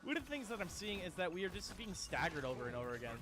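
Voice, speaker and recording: A man's voice: high-pitched, sing-song, very fast, music in the background. A man casting an esports match as play-by-play commentary, laid-back and chatty, calling people "bro" and "dude" and trailing off with fillers. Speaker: esports caster. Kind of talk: casual play-by-play game commentary.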